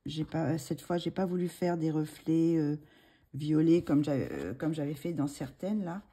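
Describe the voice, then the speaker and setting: There's slight background noise behind this woman's warm, low voice, which moves at a moderate pace. Hosting a coloring tutorial, she talks casually and hesitantly as she draws, with many fillers and restarts, murmured asides and a slight frog in her throat.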